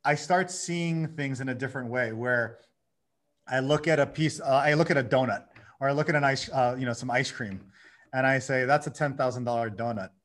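A man in his thirties, a guest on a podcast, telling his story in a lively way and acting out his own inner dialogue. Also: medium pitch, brisk. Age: 30s. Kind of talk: casual conversation.

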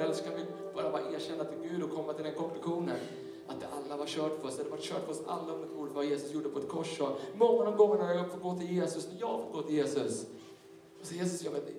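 Fervent high-voiced man preaching in a hall. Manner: fervent, urging listeners directly. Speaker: pastor. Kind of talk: sermon. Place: large church hall. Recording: echoey hall, mic far off. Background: worship music.

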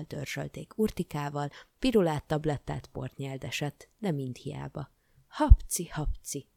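A woman reading a children's fairy tale aloud in a lively, playful way. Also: low voice, vocal fry, no echo. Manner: expressive, playful. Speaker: storybook reader. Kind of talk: lively storybook narration.

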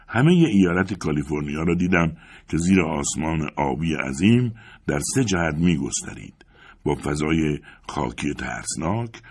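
A male audiobook narrator with a very low voice and a husky grain. He reads the novel expressively, and his pitch swings widely as he paints each scene. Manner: expressive, dramatic reading.

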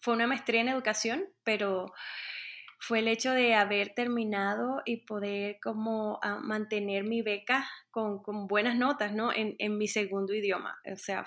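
Earnest coastal woman, halting. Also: medium pitch, fairly bright tone. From Colombia, Caribbean coast. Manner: earnest, halting, with many fillers and restarts. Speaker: interview guest, music teacher. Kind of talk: casual interview answers.

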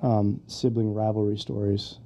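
With a fairly low, warm voice at normal speed and a flat delivery, a male podcast co-host keeps things casual. He swears a lot, laughs, and performs the quotes he repeats.

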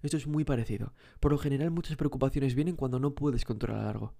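A man's voice: medium pitch, quick pace, creaky, dark tone. A man hosting a motivational self-help podcast, speaking straight to the listener with many rhetorical questions and repeated words for emphasis. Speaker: podcast host.

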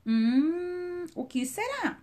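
A charming, quick-witted young man from a storybook tale, voiced by a woman narrator, spinning riddles in a high, singsong lilt. His voice swoops and climbs as he teases, and he takes his time before each question lands. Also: big pitch swings, a little mellow, full character voice. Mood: playful riddling. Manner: singsong teasing riddle delivery. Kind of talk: children's storytelling.

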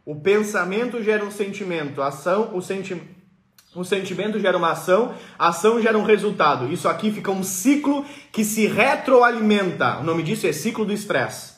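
A woman's voice: mid-range voice, lively intonation, a little fast, reverberant. A woman giving an explanatory motivational talk, emphatic and repeating key phrases. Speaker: motivational speaker.

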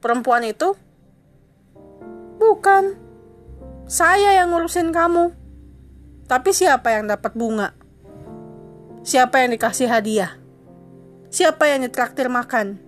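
A woman's voice: high voice, slow, long pauses, faint music behind. A woman in an emotional dramatic monologue, confronting her husband in a reproachful, indignant voice and driving her accusations home with insistent repetition.

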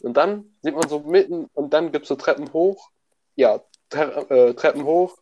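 A man's voice: on the high side, measured pace, mellow, highs cut off, a little hiss or hum. A young man, a student, in casual chat, slangy and laughing often, with many restarts. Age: young adult.

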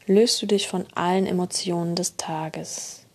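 A woman guiding a sleep meditation in a soft, soothing, breathy spa-like whisper, unhurried. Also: fairly low pitch, steady tone. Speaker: guided meditation narrator.

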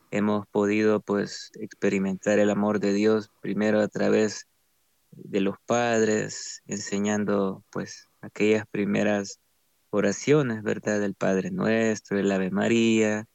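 Young salvadoran guy, slow halting talk, gravelly low voice, dry close sound. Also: a little mellow, no room sound. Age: young adult. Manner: slow, halting, with frequent fillers. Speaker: guest. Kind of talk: testimony interview.

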